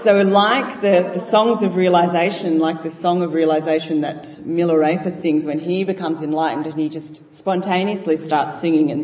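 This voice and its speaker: In a studio, a yoga teacher addresses a live class, explaining in an unhurried way and laughing often. Her voice is medium-pitched and darkish, picked up far from the mic across an echoey room, so the recording sounds dull and muffled with a long reverb tail.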